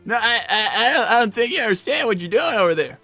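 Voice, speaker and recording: Over loud music, a streamer hosting a game livestream voices a flustered young boy fox cartoon character at a fast clip with big pitch swings at medium pitch. He stammers and repeats words, sounding flustered and puzzled.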